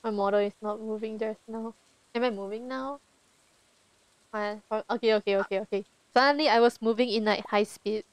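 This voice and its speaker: A woman's voice: a little high, steady tone, a little fast, no room sound, poor audio. A woman streamer chatting casually and giggling often while playing a farming game with a friend. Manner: giggly, laughs often, playful banter. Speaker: streamer host.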